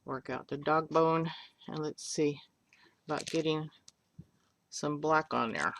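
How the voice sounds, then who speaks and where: Slow, gravelly older woman teaching crafts. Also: low voice, fairly even intonation, a little hiss or hum. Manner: rambling, joking, self-deprecating. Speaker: polymer clay artist teaching. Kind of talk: chatty craft tutorial. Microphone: webcam.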